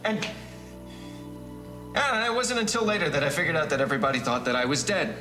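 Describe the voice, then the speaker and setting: Wounded bitter soap opera man, highish voice, halting and intense, lots of reverb. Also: sing-song, pushed and bright, soft background music. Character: bitter, wounded man hiding after faked death. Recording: echoey room with long reverb.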